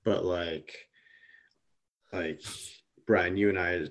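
Very low-pitched man, casual podcast co-host; halting, filler-heavy delivery. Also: steady tone, lo-fi sound. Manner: halting, thinks aloud with many fillers. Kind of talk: casual chat.

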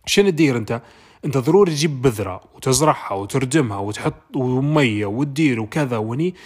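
Libyan guy talking fast about life lessons, kinda husky, uses everyday examples. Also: mid-range voice, lively intonation, a little mellow. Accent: Libyan Arabic. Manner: explains with everyday examples, talks it through. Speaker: motivational talker. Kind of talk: casual motivational monologue.

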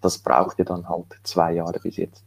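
A man, an author telling his story in a relaxed interview, rambling with many fillers and restarts. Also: low-pitched, a little slow, gravelly, breathy edge. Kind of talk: casual conversational interview.

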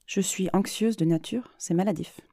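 A woman's voice: fairly low pitch, moderate pace, mellow, slightly rough, no echo, studio quality. A woman reading aloud as an anxious young woman who nervously confides in her therapist. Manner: nervous, self-mocking. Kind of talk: dramatic reading.

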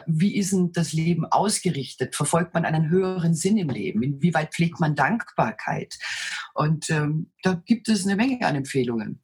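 Woman, very deep low voice, markedly husky and rough, self-assured, commanding, conversational storytelling. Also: a little mellow. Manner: self-assured, dominant presence. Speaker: interview guest, leadership coach and speaker. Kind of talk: conversational interview answers, storytelling.

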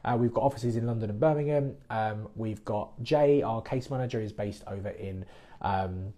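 At normal speed, with a warm voice on the low side, the Midlands mortgage broker chats his way through listener questions on his podcast, explaining things plainly and casually.

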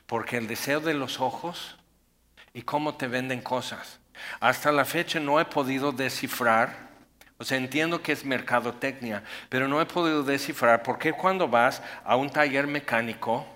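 A man preaching a sermon, animated, swinging from loud bursts to hushed intensity. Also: medium pitch. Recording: long hall reverb.

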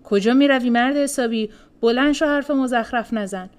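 A woman's voice: on the high side, natural voice. A woman reading the part of a stern, commanding family patriarch. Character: bossy elder uncle of the family.

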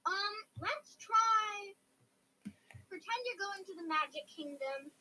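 A young girl with a very high voice co-hosts a casual quiz podcast. She chats and reads questions aloud. The laptop mic adds faint noise and clicks. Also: animated, slow pace, sharp tone, low-quality recording. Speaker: podcast co-host. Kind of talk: casual podcast chat, reading quizzes aloud.

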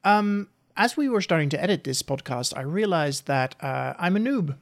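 A woman's voice: lowish voice, lively intonation, normal speed. A woman co-hosting a podcast in casual chat, hesitant with many fillers, recorded echoey and far from the wrong microphone. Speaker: podcast co-host. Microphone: wrong microphone, speaker far from it.

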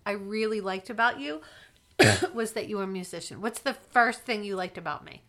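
A woman's voice: mid-range voice, moderate pace, fairly bright tone. A young woman co-hosting a podcast with her partner, chatting playfully and giggling while chewing gum. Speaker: podcast co-host. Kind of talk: casual couple chat.

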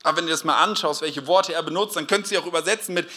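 A man delivering a sermon, his voice pitched high and ringing very bright. He shifts from quiet, reflective passages into loud, dramatic outbursts as he acts out the quotes he cites. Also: racing. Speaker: pastor.

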